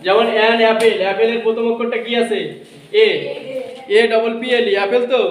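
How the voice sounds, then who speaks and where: A man's voice: extremely high pitch, level tone, a little fast. A man teaching an English grammar lesson in a classroom, asking students questions and repeating their answers. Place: coaching classroom. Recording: very echoey classroom.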